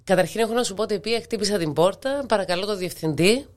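A middle-aged woman with a Cypriot Greek accent, chatting informally and emphatically as a guest in an interview. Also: medium pitch. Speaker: radio presenter being interviewed. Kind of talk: casual conversational interview talk.

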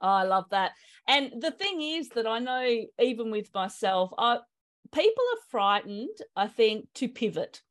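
A woman's voice: fairly high pitch, big pitch swings, a little slow, no echo, clean studio sound. A woman hosting a podcast, enthusiastic and upbeat as she talks. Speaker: podcast host. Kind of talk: podcast interview and promo.

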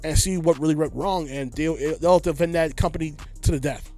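A man's voice: fairly high pitch, fairly quick, soft background music. A man co-hosting a podcast, ranting in casual chat and sometimes mocking voices. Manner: animated, ranting, mocking voices mid-rant. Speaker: podcast co-host.

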